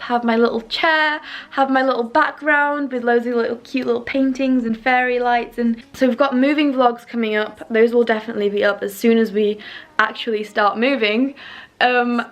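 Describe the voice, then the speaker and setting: A young woman talking casually and chattily like a fitness vlogger, rambling a little and repeating words for emphasis. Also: on the high side. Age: young adult. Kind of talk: casual chatty vlog and workout voiceover.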